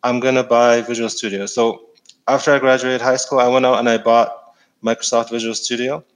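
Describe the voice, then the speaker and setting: A middle-aged man from Egypt, a guest in a casual interview, talking in a relaxed way with many fillers and restarts. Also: medium pitch, a little fast, poor audio.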